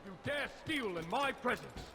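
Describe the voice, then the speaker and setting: Furious high-pitched accuser, echoing from afar. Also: male voice, animated, normal speed, gravelly, heavily acted. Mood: outraged. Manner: shouting threats. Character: furious, threatening male accuser hounding a thief. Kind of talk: video game character acting. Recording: echoing, distant, very noisy street.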